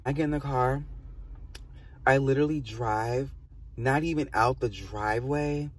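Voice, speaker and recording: A man's voice: medium pitch, a little slow, slightly rough, distant mic. A man telling a storytime to his viewers in a casual, rambling and profane way, full of fillers and asides. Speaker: vlogger.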